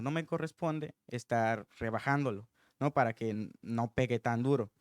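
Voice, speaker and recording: A man's voice: mid-range voice, a little mellow, clean tone, dry recording, clean studio sound. A man preaching an informal sermon in an earnest, thinking-aloud way.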